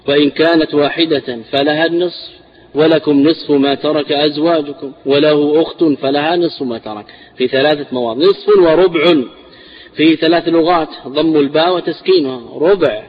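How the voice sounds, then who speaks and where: A man teaching a classical text on inheritance shares, explaining slowly and repeating words for emphasis. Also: a little high, breathy edge. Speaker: teacher of Islamic inheritance law. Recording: dull lo-fi recording.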